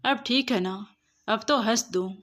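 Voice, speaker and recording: A woman's voice: on the high side, a little slow, a bit bright. A woman voicing a caring mother who soothes her son tenderly in a storybook reading.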